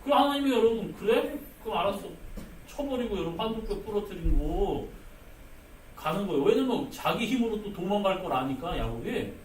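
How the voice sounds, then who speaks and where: A man's voice: high-pitched, big pitch swings, fairly quick, slight background noise. A male pastor delivering an emphatic sermon, calling out to the congregation again and again and acting out quoted voices. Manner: emphatic, repeats "여러분" often, acts out quoted voices. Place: church sanctuary. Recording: echoey sanctuary, mic at a distance.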